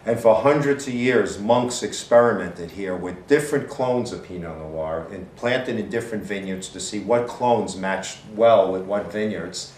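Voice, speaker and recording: A man's voice: lowish voice, unhurried, hardly any pauses, a little mellow. A man co-hosting a wine tasting show, talking in an earnest, descriptive connoisseur's manner. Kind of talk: wine review, conversational presenting. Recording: roomy echo, distant mic, faint noise.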